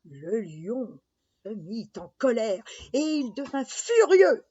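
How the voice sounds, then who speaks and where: A woman reading a children's story aloud, slow and expressive. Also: high voice. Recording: dull lo-fi sound.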